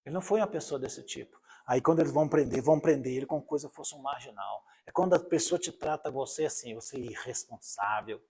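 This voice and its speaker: A man's voice: medium pitch, fast talker, warm tone, slightly rough. An older man, a pastor leading a live Bible study, talking in a conversational sermon style and putting rhetorical questions straight to the congregation.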